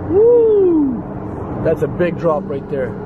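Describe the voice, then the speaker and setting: Young guy vlogging outside, kinda high voice, hyped and slangy, traffic noise all around. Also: fast talker, phone-quality sound. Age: young adult. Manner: excitable, slangy. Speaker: vlogger, host of the channel. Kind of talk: casual night vlog to camera. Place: outdoors on a road bridge at night. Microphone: camera held at arm's length. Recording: noisy outdoor street with traffic.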